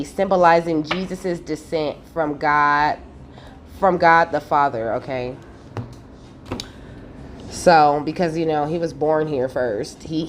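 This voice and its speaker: A woman's voice: low voice, slight background noise. A woman giving a casual spiritual card reading, talking loosely, swearing freely and tagging on "okay" again and again.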